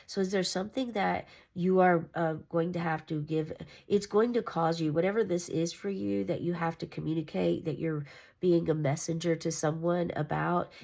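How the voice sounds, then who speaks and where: A woman reads tarot in a relaxed, rambling way, reassuring her listener while restarting sentences and leaning on fillers. She sounds congested and nasal, with a low-pitched, creaky voice that is a little mellow.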